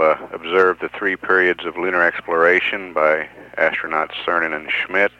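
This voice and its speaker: Man, mission control radio announcer: very deep, monotone, radio-filtered, dull 1970s lo-fi. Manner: measured, even delivery with occasional "uh" pauses. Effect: radio transmission sound over a mission control loop. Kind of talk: formal mission status announcement.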